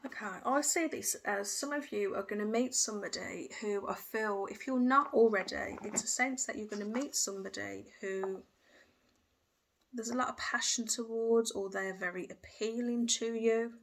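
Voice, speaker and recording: A woman's voice: on the high side, normal speed, vocal fry, background noise. A woman giving a casual tarot reading, talking intuitively and hesitantly with restarts and "I feel" phrases. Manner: hesitant, hedging with frequent fillers and restarts. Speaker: tarot reader.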